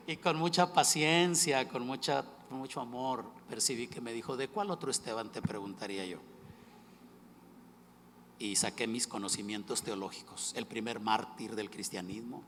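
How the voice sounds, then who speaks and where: Predicador mexicano que narra su testimonio. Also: male voice, mid-range voice, a little hiss or hum. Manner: storytelling, swings between hushed retelling and loud emphatic bursts. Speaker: pastor. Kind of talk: sermon with personal testimony. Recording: echoey hall with faint ambience.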